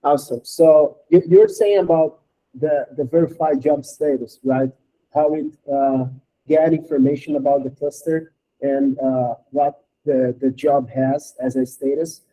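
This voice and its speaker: Man asking questions on a video call through garbled, robotic audio; a bit high-pitched and mellow, halting. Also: fairly even intonation. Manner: halting, with many restarts. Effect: garbled, robotic low-quality call audio. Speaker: meeting participant asking questions. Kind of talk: casual technical meeting talk.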